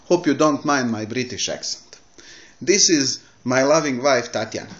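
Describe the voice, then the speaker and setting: A man from Bosnia recording a good-humored video message, talking haltingly and searching for words. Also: medium pitch, expressive, highs cut off. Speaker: video maker thanking a YouTuber.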